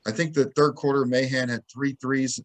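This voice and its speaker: A man co-hosting a sports podcast, telling game stories in a lively, casual way and acting out what people said. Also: mid-range voice, normal speed. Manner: animated storytelling, acts out quotes. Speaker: podcast co-host.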